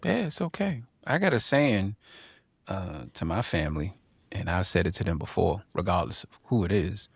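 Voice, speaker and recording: This is a man co-hosting a podcast panel, speaking with plenty of rise and fall in his voice. His tone has a gravelly edge, and the recording is dry and close with no room sound. He talks emphatically and repeats lines for punch. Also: low voice, animated, moderate pace, no room sound. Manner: reads viewer comments aloud and laughs. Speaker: podcast co-host. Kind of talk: casual panel discussion.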